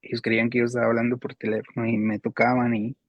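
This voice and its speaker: Guy telling his faith story, earnest and kinda repetitive, pretty flat voice, dry close sound. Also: mid-range voice, fast talker, no echo, dull audio. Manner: earnest, repetitive, emotional retelling. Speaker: guest giving a faith testimony. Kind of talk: personal testimony in conversation.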